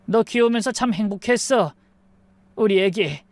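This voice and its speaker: A man's voice: sits high, normal speed, no echo, voice pushed up, natural voice. A woman voicing an affectionate father who dotes on his daughter. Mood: doting. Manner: warm, doting. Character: affectionate older father of the bride.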